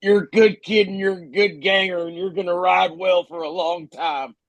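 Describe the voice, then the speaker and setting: A man's voice: high-pitched, fairly even intonation, normal speed, no echo, poor audio. A man voicing an affectionate drunk gang brother, making earnest town-drunk declarations in a tabletop game.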